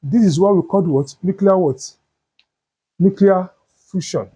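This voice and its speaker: A male teacher giving a chemistry lesson, asking questions and answering them himself, repeating terms slowly. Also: high voice, dark tone, slightly rough. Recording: dull lo-fi sound.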